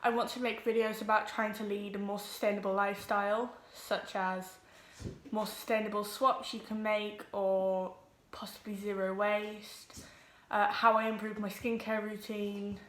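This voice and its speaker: A teenage girl, introducing her vlog at home, nervous and quick, with lots of ums. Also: medium pitch, flat delivery, echoey room. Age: teens. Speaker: vlogger. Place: home room with pets.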